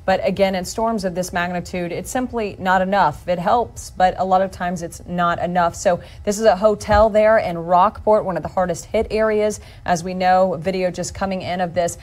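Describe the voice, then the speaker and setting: Lower-pitched female news anchor. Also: steady tone, normal speed, few pauses, darkish tone. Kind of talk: live news update, partly read.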